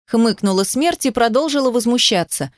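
A woman's voice: fairly high pitch, normal speed, no room sound, studio quality. Woman narrating an audiobook. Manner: steady storytelling, shifting into character voices.

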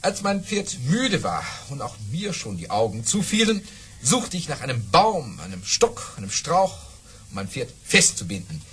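An actor playing a boastful, jovial aristocratic baron who tells tall tales in a theatrical, savouring way, in a radio play. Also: male voice, medium pitch, wildly swooping pitch, normal speed, a bit bright, slightly rough, exaggerated voice. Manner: theatrical, savouring storytelling with dramatic swings. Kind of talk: German radio play acting.

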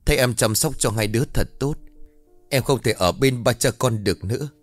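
A man's voice: mid-range voice, a little fast, no room sound, soft background music, pitched above the performer's own voice, close to an everyday voice. A man voicing the grieving, vengeful ghost of a young mother, bitter and anguished. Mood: tearful. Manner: bitter, anguished, then tearful.

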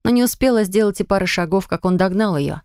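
A woman narrating an audiobook in an expressive style, on a studio microphone. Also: fast, clean tone, dry recording. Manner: expressive, rising high and loud in the heroine's angry lines.

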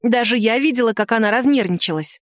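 A woman narrating an audiobook in an expressive, lively way, lifting her voice for quoted lines. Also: quick pace, dry recording, clean studio sound. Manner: lively, performs quoted lines with rising pitch.

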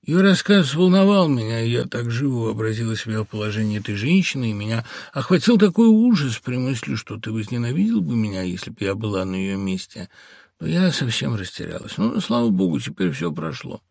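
A man voicing a weary, unhappy young wife who speaks emotionally, in a gravelly voice and a dry audiobook recording. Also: medium pitch, sing-song, a little fast, darkish tone, no room sound. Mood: composed.

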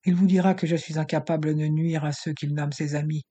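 Defiant young woman, cold, firm, contemptuous, lifted pitch, voiced by a man. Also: little pitch movement, brisk, warm tone, lightly acted.

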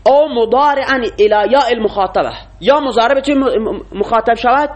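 A man teaching a classroom lecture, explaining rules and quizzing his students with frequent questions. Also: very high voice.

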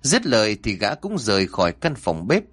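A man's voice: fairly low pitch, wildly swooping pitch, normal speed, husky. A man narrating a scripted horror story, acting out the characters' dialogue in shifting voices.

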